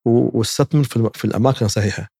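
A man speaks at a breakneck pace, giving emphatic advice as an interview guest. His voice has a husky edge, and the recording is dry and close. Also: mid-range voice, very fast, mellow, dry recording. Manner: emphatic, acts out other people's words. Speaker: guest investor.

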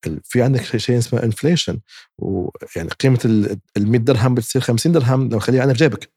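Fast-talking husky man. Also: mid-range voice, mellow, no room sound, studio quality. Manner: emphatic, acts out other people's words. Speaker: guest investor. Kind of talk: casual interview advice.

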